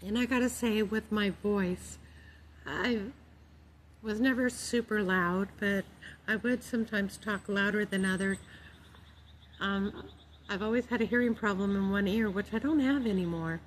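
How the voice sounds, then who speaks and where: A middle-aged woman chatting casually to camera about faith in a calm, gentle, unhurried way. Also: mid-range voice. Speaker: vlogger sharing her faith. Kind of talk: casual devotional chat to camera. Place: outdoors in a park among trees. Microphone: phone at arm's length. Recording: outdoor phone recording with background noise.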